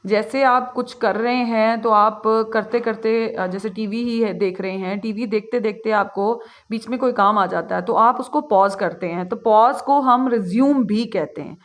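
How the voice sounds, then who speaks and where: A woman's voice: on the high side, measured pace, hardly any pauses. Indian woman lecturing, frequent fillers. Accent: Indian English. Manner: mixes Hindi and English, many filler sounds. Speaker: teacher. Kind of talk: classroom lecture on a slide presentation.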